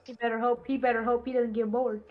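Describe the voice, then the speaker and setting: A woman guesting on a casual podcast, playful and quick to laugh. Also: fairly high pitch, little pitch movement, phone-quality sound. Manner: giggly, playful. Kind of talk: casual chat.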